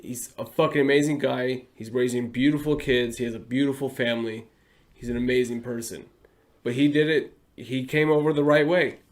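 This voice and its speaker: A man co-hosting a podcast, talking loudly and emphatically with lots of swearing. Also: mid-range voice, steady tone, moderate pace. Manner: loud, emphatic, profane. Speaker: podcast co-host. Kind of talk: casual podcast chat.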